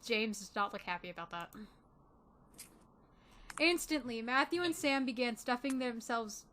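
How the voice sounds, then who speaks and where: A woman's voice: a little high, lively intonation, normal speed, fairly bright tone, a little hiss or hum. A woman reading a dating sim aloud and adding her own commentary in a giggly, chatty way. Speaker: game player and narrator.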